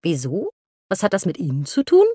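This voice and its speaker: A detached, wry older husband from an audiobook, played by a woman narrator, speaking a little lower and softer. His lines come out flat and understated. The recording is dry. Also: a little fast, slightly rough, no room sound, heavily acted.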